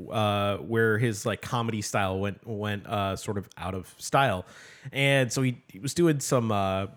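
A man chatting on a casual book podcast, his voice sitting at an ordinary middle pitch. He rambles loosely, with plenty of fillers and restarts along the way. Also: a bit bright. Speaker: podcast co-host.

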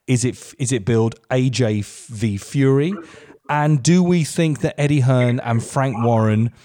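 A man's voice: mid-range voice, moderate pace, mellow. A man hosting a podcast, leading the chat with long, rambling questions. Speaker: podcast host.

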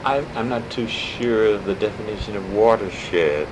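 An older man reminiscing in a halting, deliberate way, pausing often as he is interviewed for an oral history. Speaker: interviewee, civil rights activist. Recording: noisy tape with low rumbling hum.

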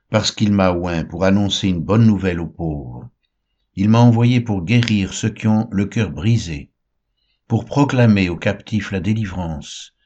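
A man reading scripture aloud in a slow, measured way. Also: low-pitched, a little mellow, husky. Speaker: Bible reader. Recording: dull lo-fi recording.

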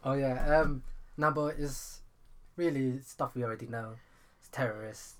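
A man's voice: mid-range voice, measured pace. A young man with a London accent, chatting casually as a podcast co-host. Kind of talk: casual chat. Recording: clear background room noise.

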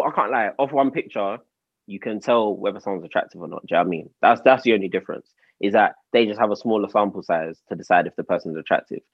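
A man's voice: mid-range voice, dry recording, highs cut off. A young man with a London roadman accent, casually spelling out his points in slang as a podcast co-host. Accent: London, urban roadman slang. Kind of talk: casual explaining and chat.

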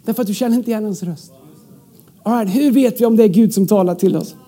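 Swedish man, pastor delivering a sermon from the church stage, very high voice, lively, breaks into shouts, joking asides, stray English words. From Sweden. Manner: drops English words into speech. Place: church stage before a congregation.

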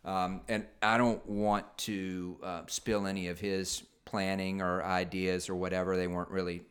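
Deep-voiced man, rambling podcast chat. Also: level tone, normal speed, a bit bright. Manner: rambling, many fillers and restarts. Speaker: podcast co-host. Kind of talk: casual chat.

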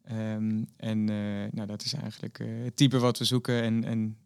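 A man, the founder and CEO of a company, answering interview questions earnestly with frequent pauses. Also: on the low side, little pitch movement, creaky, smooth, dry recording, studio quality. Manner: earnest, lots of filler pauses.

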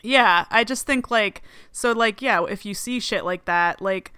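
A woman's voice: mid-range voice, measured pace, bright, forceful tone, clean tone, dry recording, clean studio sound. A woman with a Midwestern accent co-hosting a casual podcast, filling her talk with "like" and the odd swear word. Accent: Midwestern American. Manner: casual, says "like" a lot, swears. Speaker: podcast co-host.

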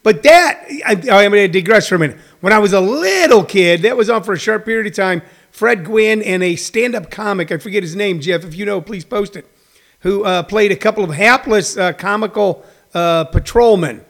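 A male host chatting casually to his listeners in a halting, digressive, self-deprecating way. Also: high voice, gravelly, a bit bright. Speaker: host of a daily live streamed comedy radio show. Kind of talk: casual, rambling chat to listeners.

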